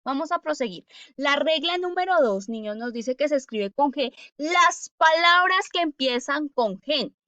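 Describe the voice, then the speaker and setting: A woman patiently teaches children a language lesson, slowly repeating syllables and checking in with "¿cierto?" and "¿listo?". Her high voice is animated and sharp, on a muffled recording with no room sound.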